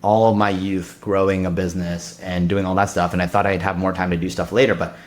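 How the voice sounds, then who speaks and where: Fast-talking man in his thirties, low voice. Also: level tone. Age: 30s. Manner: fast, loose, filler-heavy talk with many restarts. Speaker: podcast guest. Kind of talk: casual conversation.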